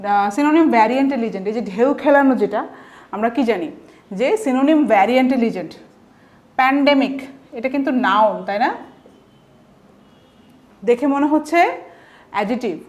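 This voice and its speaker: A woman's voice: fairly high pitch, animated, moderate pace, pauses often, darkish tone. A woman with a Bangladeshi Bengali accent teaching an online vocabulary lesson, explaining step by step and posing frequent rhetorical questions. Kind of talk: online exam-prep lecture.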